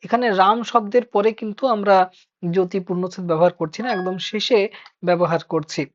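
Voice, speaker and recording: A woman teacher leads an online class, patiently working through each point and putting questions to her students. Her voice sits at a middling pitch. The audio is dull and lo-fi, as on a video call. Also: brisk. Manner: patient, explains step by step, asks students questions. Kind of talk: online Bengali grammar class.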